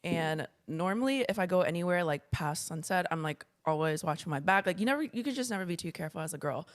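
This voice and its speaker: A woman's voice: on the low side, lively intonation, fast. A woman co-hosting a casual podcast, telling a story in an earnest, suspenseful way. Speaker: podcast co-host.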